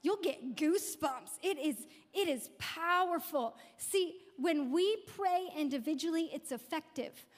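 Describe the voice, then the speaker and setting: Very high-voiced woman pastor preaching. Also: animated, a little slow, few pauses, big-room sound. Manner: emphatic, repeats key words. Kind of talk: sermon. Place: church sanctuary.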